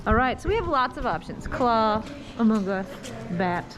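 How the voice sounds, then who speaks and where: A woman's voice: a little high, very animated, moderate pace. A woman giving casual, playful running commentary on a family outing, full of jokey asides. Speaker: vlogger touring with family. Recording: busy tour group chatter around.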